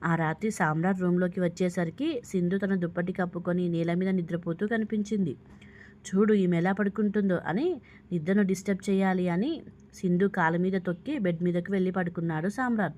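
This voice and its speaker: A woman's voice: on the low side, fairly quick, darkish tone. A woman reading a dramatic family story aloud as storyteller, giving every character's lines in her own narrating voice.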